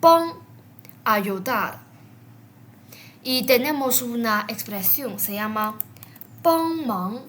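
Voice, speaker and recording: Slow, bright-voiced woman teaching vocabulary. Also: on the high side, a little hiss or hum. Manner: explains word by word, repeats and stresses Chinese words. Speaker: Chinese language teacher.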